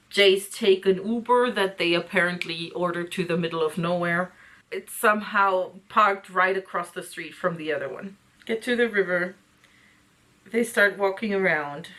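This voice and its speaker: A woman's voice: lowish voice, a bit bright. A woman hosting a casual book breakdown, giving sarcastic, exasperated commentary. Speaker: host.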